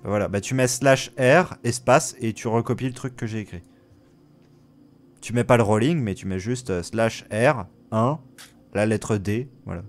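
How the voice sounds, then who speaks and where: Teasing low-voiced game master. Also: male voice, unhurried. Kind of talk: casual chat during an online tabletop game.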